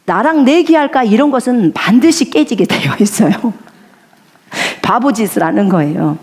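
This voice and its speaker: A woman's voice: medium pitch, big pitch swings, moderate pace, darkish tone. A woman missionary preaching a sermon in an emphatic way, repeating her key lines for weight.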